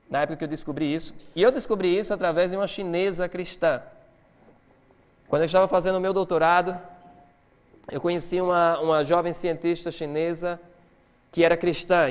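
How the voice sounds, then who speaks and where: Preaching a lecture-like sermon, a middle-aged man with a voice on the high side stays animated. He shifts back and forth between calm, quiet explanation and bursts of loud excitement.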